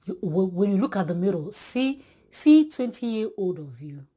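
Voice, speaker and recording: Speaking directly to her listeners, a woman delivers an emphatic sermon of exhortation, repeating points to give them weight. Her mid-range voice is mellow and warm with a husky edge, very animated, at a normal speed.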